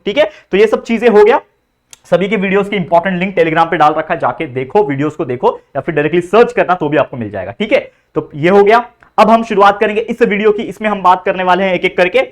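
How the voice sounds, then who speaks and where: Young male tutor, high-pitched, chatty, drills answers by repetition. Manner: chatty, repeats answers for memorizing. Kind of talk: casual exam-prep lesson.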